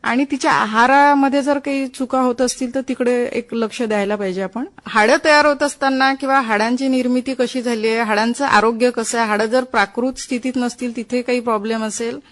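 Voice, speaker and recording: A woman doctor with a slightly high voice explains and instructs on a phone-in show. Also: fairly even intonation, a little fast, few pauses. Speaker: Ayurvedic doctor, studio guest. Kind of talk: spoken advice on a phone-in.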